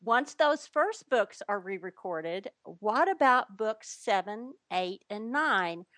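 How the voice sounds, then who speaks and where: A woman interviewer reading listener questions aloud in a measured way. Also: medium pitch, expressive, fairly bright tone, dry recording. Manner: measured, reads questions out clearly.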